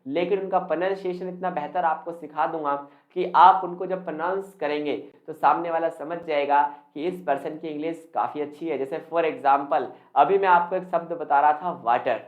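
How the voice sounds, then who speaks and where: A man teaching English pronunciation in Hindi, repeating words and quizzing the viewer. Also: fairly high pitch. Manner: repetitive, quizzing the viewer, stretching words slowly. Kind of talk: Hindi-language spoken English lesson. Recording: tinny phone-like sound, echoey room.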